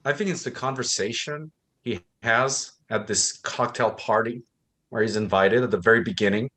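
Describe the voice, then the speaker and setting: A book discussion co-host who grew up in Thailand speaks impassionedly and with conviction, acting out the people he quotes. He has a mid-range voice that sounds pushed and bright. His speed is normal.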